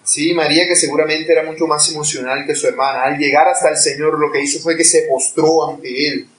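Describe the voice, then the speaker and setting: A man's voice: fairly high pitch, steady tone, a little fast, a bit bright, a little hiss or hum. Guy preaching in a church, earnest and pleading, sounds far from the mic. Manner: earnest, rising to impassioned pleading. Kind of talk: sermon. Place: church hall. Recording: echoey room, voice far from mic.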